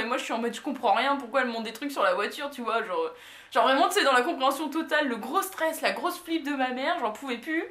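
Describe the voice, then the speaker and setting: Animated young French woman telling a story. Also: fairly high pitch. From France. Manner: animated, slangy, many fillers. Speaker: vlogger. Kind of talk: casual storytelling. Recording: echoey room.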